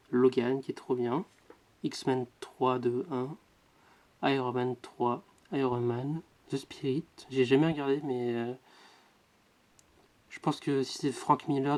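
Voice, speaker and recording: A man giving casual running commentary, rattling off titles with quick offhand remarks as he shows his collection. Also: medium pitch, darkish tone. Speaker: vlogger showing his DVD collection.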